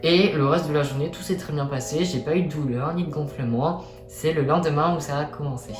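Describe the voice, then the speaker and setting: A man's voice: a little high, brisk, over music. A young man telling a personal story to viewers in a chatty, colloquial, self-deprecating way. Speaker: vlogger. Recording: echoey room.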